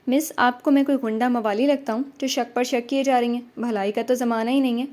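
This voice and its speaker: A woman's voice: a little high, fairly even intonation, darkish tone, close to an everyday voice. A woman voicing a firm young male police inspector in an audio novel, speaking in a stern, slightly indignant way.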